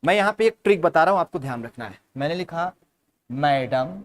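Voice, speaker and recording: A man's voice: fairly high pitch, expressive, quick pace. A man with an Indian accent teaching chemistry to students, drilling a memory trick with lots of repetition and calling the students "beta". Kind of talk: classroom lecture in Hindi-English mix.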